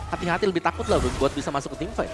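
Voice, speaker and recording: A man's voice: on the high side, racing. A man with an Indonesian accent giving conversational esports analysis as a commentator.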